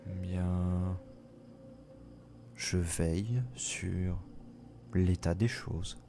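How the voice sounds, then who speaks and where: A man voicing a mysterious, aloof watcher spirit that speaks slowly and quietly. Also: low voice, steady tone, faint music behind, full character voice. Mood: hushed, enigmatic. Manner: slow, hushed, measured.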